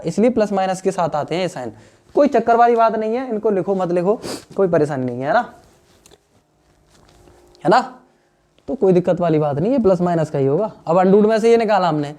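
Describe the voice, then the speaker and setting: A man's voice: high voice, mellow. A young man, teaching a maths lesson in a chatty way, often checking whether students understood. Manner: chatty, addresses students as "dear friends", asks "understood or not?". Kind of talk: classroom lesson explaining solutions.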